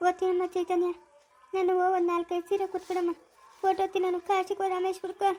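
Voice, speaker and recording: High quick woman playing a pleading mother-in-law, family drama, faint background noise. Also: monotone, a little mellow. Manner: pleading, apologetic.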